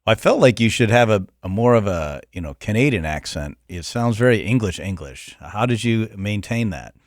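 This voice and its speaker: Lowish male host, dry close sound, jokey and rambling. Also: expressive, normal speed, no room sound. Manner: chatty, joking, asks long rambling questions. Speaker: podcast host. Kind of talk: casual interview chat.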